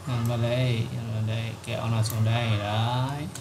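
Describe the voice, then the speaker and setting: A man, hosting a screen-recorded software tutorial and explaining it step by step with frequent filler words. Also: mid-range voice, flat delivery, brisk. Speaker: tutorial host. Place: at a computer, recording his screen. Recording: echoey room with clear keyboard typing noise.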